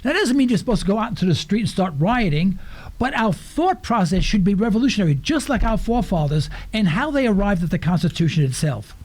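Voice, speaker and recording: A man's voice: high-pitched, very animated, fast, a little mellow. A man giving earnest political commentary on the radio, urging his listeners to act. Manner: earnest, exhorting.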